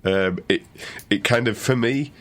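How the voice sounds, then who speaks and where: A man's voice: medium pitch, unhurried, fairly bright tone. A man co-hosting a casual podcast chat, wry and laughing between lines. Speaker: podcast co-host.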